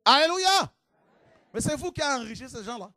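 A man preaching a fiery sermon to a congregation, with shouted exclamations and rhetorical questions. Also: very high voice, rapid-fire, no echo.

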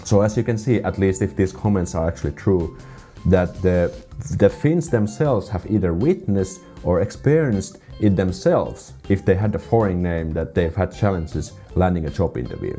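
A Finnish vlogger in his thirties reads viewer comments aloud and reacts to them, often restarting his sentences, in a Finnish accent. His voice is low, expressive and dark at a moderate pace, recorded in a small indoor room on a desk condenser mic with faint music behind.

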